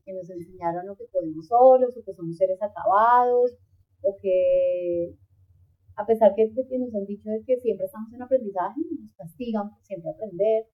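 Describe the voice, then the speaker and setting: A woman's voice: medium pitch, moderate pace. A woman, a podcast guest, giving earnest, reflective advice in a conversational way and acting out quoted examples. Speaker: podcast guest, migrant coach. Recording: tinny phone-like line.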